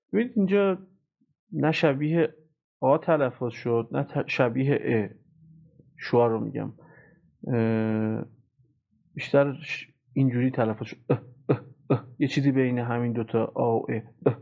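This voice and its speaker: A man giving a pronunciation lesson, patiently repeating words slowly many times. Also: mid-range voice, gravelly. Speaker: English teacher. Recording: tinny phone-like audio.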